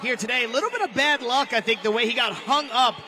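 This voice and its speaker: A man working as an excited hype announcer, projecting sports commentary to a crowd at a motorsport event. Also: extremely high pitch, fast, background noise. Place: outdoor motorsport stadium event.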